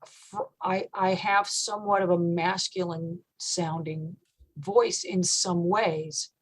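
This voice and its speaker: Speaking slowly in a casual interview, a female metal singer with a low voice comes across relaxed and thoughtful, her speech full of fillers. The recording is of low quality.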